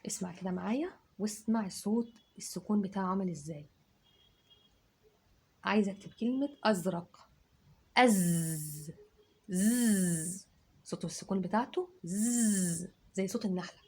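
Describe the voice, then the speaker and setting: A woman's voice: mid-range voice, fairly quick, darkish tone, slightly rough. A woman with an Egyptian Arabic accent giving a children's dictation lesson, stretching out each syllable as she dictates. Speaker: teacher.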